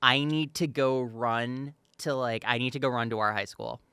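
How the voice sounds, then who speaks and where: A podcast co-host in casual, animated chat who laughs often and swears offhandedly. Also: medium pitch, normal speed, clean tone, dry recording.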